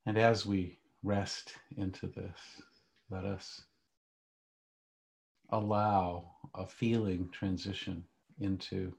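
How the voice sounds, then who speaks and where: A man teaching meditation, leading a calm grounding exercise in short, hushed phrases with long pauses. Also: low-pitched, gravelly.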